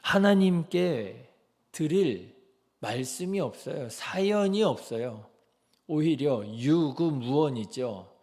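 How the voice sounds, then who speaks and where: A man preaching an early-morning sermon as pastor, asking the congregation rhetorical questions and dropping softly into quoted prayers. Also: on the high side, animated, slow.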